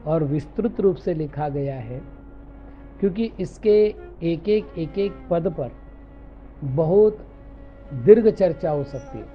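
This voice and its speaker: A man, a monk teaching scripture, who recites verses deliberately and then explains them in a patient way. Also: sits high. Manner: patient, explanatory, corrects common misreadings. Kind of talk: scripture lecture in Hindi. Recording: dull lo-fi recording with faint music.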